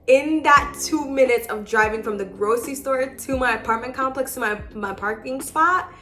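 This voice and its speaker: A woman's voice: sits high, normal speed, pushed and bright, faint music behind. A woman in her twenties chatting casually at home, telling a personal testimony with lots of filler words and repeats. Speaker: vlogger giving a testimony. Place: at home in her apartment living room.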